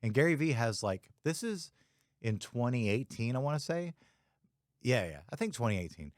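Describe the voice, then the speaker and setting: Here a podcast host who is also a photographer rambles through a relaxed chat full of fillers. His mid-range voice is very animated at a normal speed, captured as clean studio sound with no echo.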